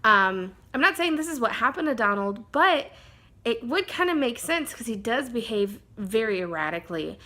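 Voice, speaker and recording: A woman vlogger chats straight to camera in a relaxed, rambling way and keeps wandering off on side tracks. Her voice sits a little high, and her tone is bright and clear. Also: moderate pace. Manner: chatty, rambling, sidetracked. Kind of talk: casual chat to camera.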